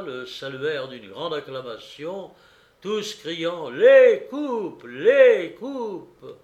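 A man reading a classic novel aloud in a slow, measured narration, lifting his voice for quoted shouts. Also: on the high side, reverberant. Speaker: audiobook reader. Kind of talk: literary narration.

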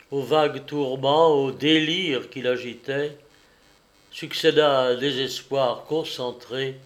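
Male audiobook narrator, measured and expressive. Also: medium pitch. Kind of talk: scripted narration of a classic novel.

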